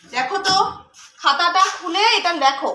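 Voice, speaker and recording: A woman teaches young pupils in a demo class, her voice pitched very high and sounding bright and clear. She explains letters patiently and keeps asking the class questions. The room around her is echoey. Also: normal speed, slight background noise. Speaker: primary school teacher giving a demo class. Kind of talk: teaching children Bengali conjunct letters.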